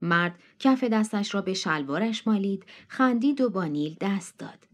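A woman narrating a short story as an audiobook in a steady, even manner. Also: medium pitch.

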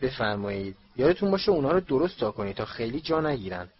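A man voicing a fussy, bossy middle-aged mother witch who scolds her sons briskly. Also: mid-range voice, big pitch swings, lo-fi sound, a little hiss or hum, lightly acted. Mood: scolding.

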